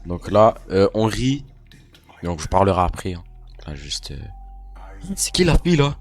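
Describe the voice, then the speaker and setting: A man's voice: low voice, measured pace, faint music behind. A man commentating his horror game playthrough, often panicking and talking straight to his viewers. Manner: panicky, excitable, talks to viewers. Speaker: gamer.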